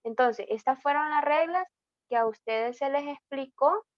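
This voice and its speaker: A woman's voice: high voice, normal speed, no room sound. A woman with a Salvadoran accent tutoring an online English class, explaining grammar rules step by step in a mix of Spanish and English and checking in with a frequent "ok?". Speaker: English teacher. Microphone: computer mic in an online class. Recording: dull, lo-fi online class audio.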